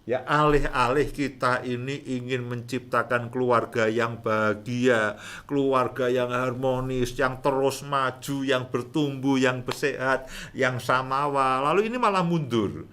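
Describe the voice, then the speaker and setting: A middle-aged man hosting a relaxed talk on marriage, chatty and repeating his points with frequent chuckles. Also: medium pitch, measured pace. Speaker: host, marriage counselor.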